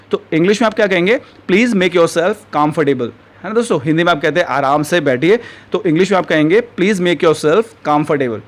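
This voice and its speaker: तेज़ बोलने वाला पुरुष अंग्रेज़ी शिक्षक. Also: male voice, on the high side. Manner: addresses viewers as friends, slows right down for the example sentences. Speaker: English teacher. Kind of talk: spoken English lesson.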